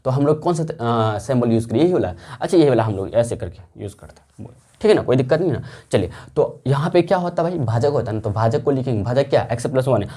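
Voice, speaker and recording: In a classroom maths lesson, a man with a mid-range, warm voice talks quickly and expressively. He poses questions and answers them himself, repeating things a great deal.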